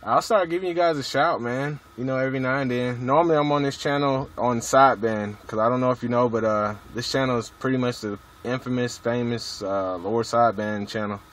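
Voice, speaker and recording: Talking a little fast with hardly any pauses, a man with a medium-pitched, fairly bright voice chats on two-way radio from a vehicle at a truck stop. He's a CB hobbyist filming himself, and his talk is slangy, jargon-heavy and full of swearing. The mobile recording is noisy.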